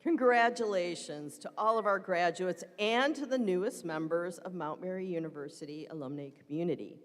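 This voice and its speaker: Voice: medium pitch, normal speed. An emcee making announcements at a graduation ceremony in a large venue, and playful with the audience. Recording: long hall reverb with a faint crowd.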